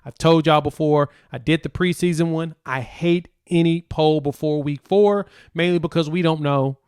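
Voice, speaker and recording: A man's voice: fairly high pitch, moderate pace, darkish tone, smooth, no echo, studio quality. A young man hosting a casual solo sports talk podcast, chatty and rambling with a sing-song delivery. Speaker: podcast host.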